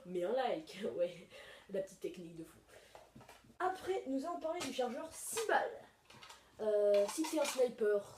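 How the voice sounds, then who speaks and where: Casual home-video host, woman, high voice, halting and rambling, noisy room. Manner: rambling, many hesitations and fillers. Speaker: video host reviewing toy blaster magazines. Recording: echoey room, mic far off, noisy.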